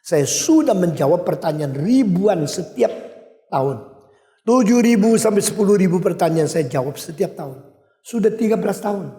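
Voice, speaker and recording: An older male pastor with an Indonesian accent preaching a sermon with emphatic swings in loudness. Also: high-pitched, animated, normal speed. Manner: emphatic, wide swings in loudness, switches briefly to English. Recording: echoey hall.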